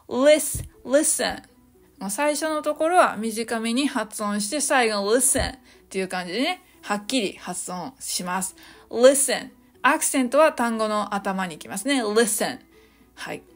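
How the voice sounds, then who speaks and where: Woman, high pitch, cheerful podcast English teacher, slow model phrases, faint music behind. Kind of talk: solo podcast English lesson. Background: soft background music.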